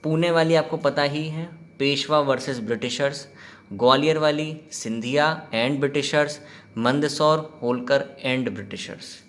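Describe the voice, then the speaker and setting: A male history tutor, voice sitting a little high for a man. He lectures for exam prep in a loose, conversational way, slipping between Hindi and English and checking in with his students. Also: a little slow. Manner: conversational, mixes Hindi and English, quizzes listeners, acts out quoted exchanges. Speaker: history teacher.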